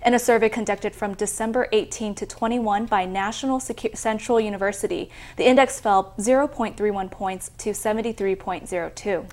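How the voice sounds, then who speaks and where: A woman's voice: mid-range voice, a little fast, few pauses, darkish tone. A woman reporter reading a scripted news narration.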